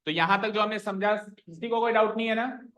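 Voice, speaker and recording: A man's voice: high voice, fairly quick, a bit bright, highs cut off. Male teacher quizzing his class. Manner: quizzes students, makes them repeat answers; mixes English terms into Hindi explanation. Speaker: math teacher. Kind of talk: classroom lesson. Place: classroom with students.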